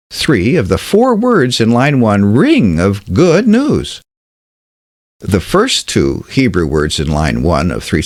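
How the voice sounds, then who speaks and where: A man giving a scripted Bible study talk, measured and emphatic, slowing down to stress key words. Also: lowish voice, dry recording, studio quality. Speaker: Bible teacher.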